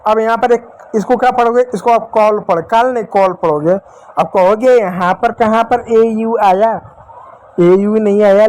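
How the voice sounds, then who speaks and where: A man gives a lesson at the board. His voice sits very high for a man. He keeps asking the class questions, then answers them himself with patient repetition. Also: darkish tone, low-quality recording. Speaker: English teacher.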